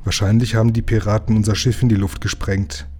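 A man reading a children's book aloud and voicing a calm, protective ship captain who speaks quietly and steadily. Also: fairly low pitch, brisk, slightly rough. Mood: quiet steady.

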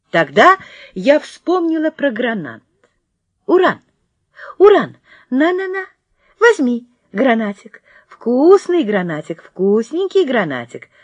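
A woman reading a children's storybook aloud in a lively, expressive way. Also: a little high, no echo, muffled recording. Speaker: audiobook reader. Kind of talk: storybook narration.

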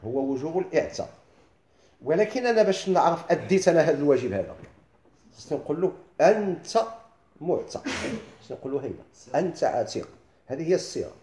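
A middle-aged man with a Moroccan accent, teaching a classroom lesson. He keeps asking his listeners quick questions and then answers them himself. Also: on the high side, darkish tone, reverberant, slight background noise. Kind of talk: classroom lesson explaining legal theory.

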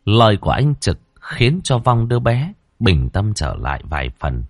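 A man storyteller narrating a ghost tale in a low voice, slow and deliberate. His delivery is dramatic, rising and falling with a lot of expression. The recording is dry and close. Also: sing-song, no room sound.

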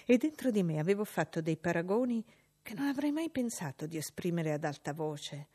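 A woman's voice: on the low side, husky. Woman reading a novel aloud. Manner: measured, expressive reading. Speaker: audiobook reader. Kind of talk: literary audiobook narration.

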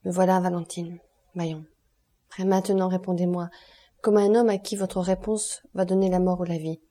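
Ardent young lover read by a woman narrator, urgent and earnest, soft warm tone. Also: on the low side, flat delivery, normal speed, close to an everyday voice. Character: young man, ardent, passionate, desperate lover. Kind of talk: audiobook character reading.

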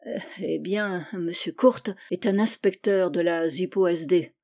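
A woman reading the part of a frightened middle-aged café owner, speaking in a hushed, urgent way. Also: lowish voice, measured pace, close to an everyday voice. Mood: fearful.

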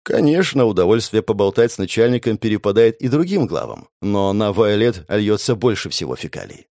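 A man's voice: lowish voice, expressive, a little fast, mellow, dry recording, studio quality. A man narrating an audiobook in the first person, with sardonic, crude asides.

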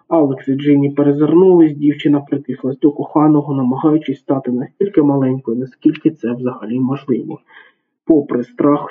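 A man narrating an audiobook in a steady, even reading voice. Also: medium pitch, husky. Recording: narrow phone-like sound.

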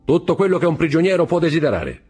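A man reading aloud voices a short, shabby male jailer who speaks in a brisk, businesslike way. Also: a little high, big pitch swings, darkish tone, breathy edge, faint music behind, voice pushed up. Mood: matter-of-fact.

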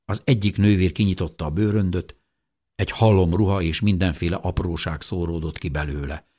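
Deep husky guy reading an audiobook, steady and calm. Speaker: audiobook narrator. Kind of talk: scripted narration.

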